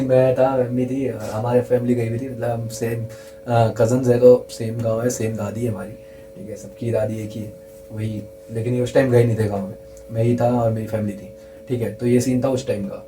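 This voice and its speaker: A young man earnestly telling a true scary story in casual chat, repeating himself for emphasis and dropping to a hush at the tense parts. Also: medium pitch, little pitch movement, normal speed, soft background music, poor audio.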